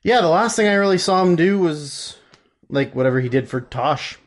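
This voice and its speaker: A man's voice: on the high side, lively intonation, moderate pace. A man co-hosting a casual podcast, rambling with lots of fillers and restarts while he looks things up. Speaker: podcast co-host.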